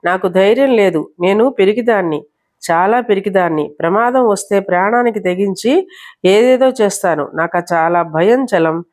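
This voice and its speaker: A woman's voice: medium pitch, moderate pace, a little mellow, lightly acted. A woman storyteller voicing a frightened, helpless young woman who is crying and pleads fearfully. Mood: frightened, tearful.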